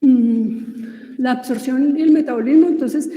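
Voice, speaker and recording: Colombian spanish woman teaching, high voice, lots of ums and restarts, mellow tone. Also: a little slow. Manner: conversational, hesitant with fillers and restarts. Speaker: lecturer on cosmetic ingredients. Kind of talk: informal lecture. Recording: echoey room with long reverb.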